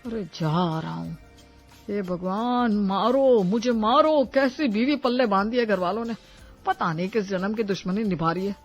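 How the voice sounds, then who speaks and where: A woman's voice: medium pitch, brisk, soft background music, lightly acted. A woman voicing a put-upon young husband in a cartoon, complaining and teasing by turns. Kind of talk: cartoon voice acting.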